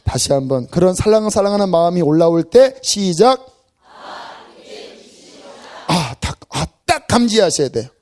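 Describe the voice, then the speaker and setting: A man's voice: sits high, moderate pace, long pauses. A male pastor giving a Friday evening sermon in a church, acting out everyday scenes with self-deprecating humor. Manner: animated, acts out everyday scenes. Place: church sanctuary.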